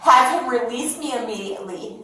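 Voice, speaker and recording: A woman's voice: fairly high pitch, lively intonation, fairly quick, sharp tone. An argumentative, indignant woman who swears and makes demands while detained by police, caught on body cam audio. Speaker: person being detained by police. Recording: echoey, distant body cam with faint noise.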